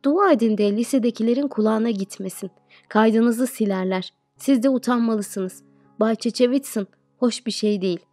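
Lady doing a stern dad telling the kids off, fairly high voice. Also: moderate pace, dark tone, no room sound, faint music behind, close to an everyday voice. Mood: scolding. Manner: scolding, reproachful. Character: stern, scolding father of a family.

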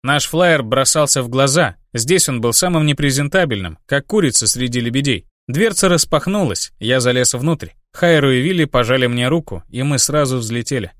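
A man narrating a first-person audiobook in a steady storytelling manner. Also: medium pitch, normal speed, hardly any pauses, dry recording, clean studio sound.

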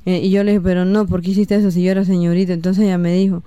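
Halting young Nicaraguan woman, flat and mellow. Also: fairly low pitch, smooth, no echo. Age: young adult. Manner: halting, many "este" fillers. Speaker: interviewee giving testimony. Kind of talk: personal testimony.

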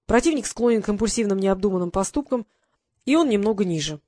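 A woman's voice: medium pitch, animated, quick pace, mellow, no room sound. Woman reading an adventure novel, dry sound. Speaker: audiobook reader. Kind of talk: first-person novel narration.

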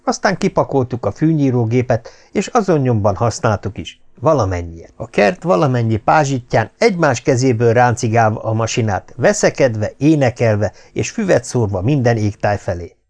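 A man narrating an audiobook in a wry, expressive storytelling manner. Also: medium pitch, hardly any pauses.

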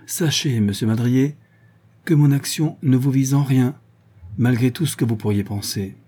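A man's voice: mid-range voice, moderate pace, warm tone, slightly rough, voice pushed up, lightly acted. A man voicing a cold, tense male police inspector who gives curt, commanding orders in an audiobook.

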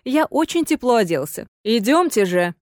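A woman doing a cool, polite young gentleman. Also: fairly high pitch, moderate pace, no echo, clean studio sound. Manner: calm, courteous and cold. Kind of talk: audiobook character voice.

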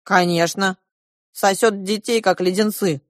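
A woman's voice: mid-range voice, fairly even intonation, measured pace, dry recording, studio quality, natural voice. A woman voicing a bold, boastful boy in a storybook reading.

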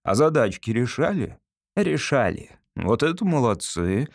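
A man's voice: mid-range voice, big pitch swings, measured pace, no echo, clean studio sound. A man voicing an old Bolshevik father who questions his son cautiously and in bewilderment. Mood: bemused.

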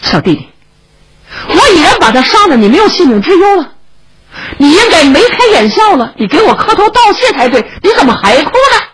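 A woman voicing a kind, chatty young male swordsman who coaxes and brags, with a raspy voice. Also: high-pitched, very animated, measured pace, long pauses, background noise, full character voice. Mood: coaxing. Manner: coaxing, chatty, a bit boastful.

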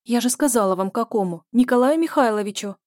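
A scared young woman holds her ground, her voice trembling and raised higher than the narration, as a woman reader plays her. It is a close, dry recording with a mellow tone. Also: brisk, dry recording, lightly acted. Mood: insistent. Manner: trembling, pleading. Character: frightened young woman, stubborn.

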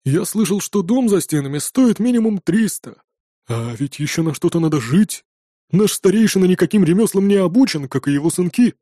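A man's voice: sits high, lively intonation, fairly quick, dark tone, no room sound, studio quality. A man voicing Korg, a bitter, vengeful young male thrall who speaks urgently and insistently. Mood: informative.

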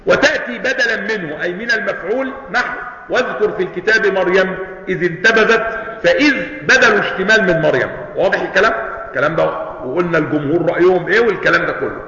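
A man's voice: high-pitched, animated, fast talker, sharp tone. A man with an Egyptian accent teaching a lesson on grammar and jurisprudence, checking often that his students follow and reciting verses. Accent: Egyptian Arabic. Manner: asks students questions often; quotes and recites Quranic verses. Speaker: Islamic studies teacher. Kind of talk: recorded lesson. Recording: dull, echoey hall recording.

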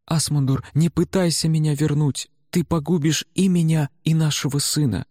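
A man voicing a dead wife's calm, eerie plea. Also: low voice, moderate pace, no echo, studio quality, long reverb tail, pitched above the performer's own voice. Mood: solemn warning. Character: dead young wife, calm and otherworldly.

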